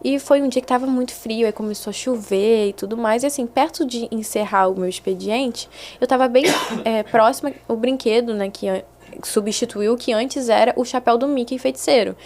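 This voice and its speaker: A woman's voice: a little high, fairly quick. A young adult woman, telling stories as a guest in a casual podcast chat and acting out the voices she quotes. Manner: animated, acts out quoted voices.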